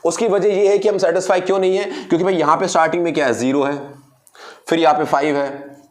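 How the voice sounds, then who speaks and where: A man with a higher voice teaches a physics class, working at the board as he talks. He keeps asking the students questions and answering them himself. He repeats key words over and over and drops English phrases into his explanations. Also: fairly even intonation, fast talker. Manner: addresses students directly, mixing in English phrases.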